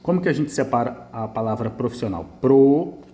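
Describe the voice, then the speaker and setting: Lively Brazilian teacher correcting an essay. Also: male voice, mid-range voice, quick pace. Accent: Brazilian Portuguese. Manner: lively, emphatic, repeats phrases while writing. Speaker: writing teacher.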